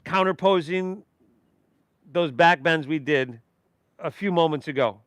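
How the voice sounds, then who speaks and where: Guy teaching yoga class, smooth clean voice, dry sound, chill and encouraging, talks you through breathing. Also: a little high, measured pace, fairly bright tone, no echo. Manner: encouraging, easygoing, addresses the class informally. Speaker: yoga instructor. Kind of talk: guided yoga class instruction.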